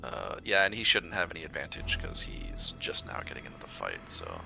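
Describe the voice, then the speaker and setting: A man's voice: a bass voice, wildly swooping pitch, a little fast, gravelly, music in the background. A man chatting casually as a player in a tabletop game, explaining the rules and chuckling often.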